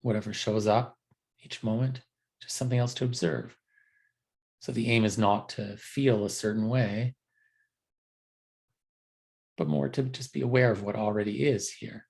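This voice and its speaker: Guiding a body scan meditation, a male teacher speaks in a lowish, gravelly voice with a steady tone. He's gentle and slow, unscripted, with many pauses and hesitations.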